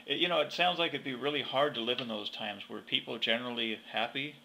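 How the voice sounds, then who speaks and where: A man's voice: medium pitch, fast talker, vocal fry, pushed and bright, a little hiss or hum, low-quality recording. A man interviewing someone in a conversational style.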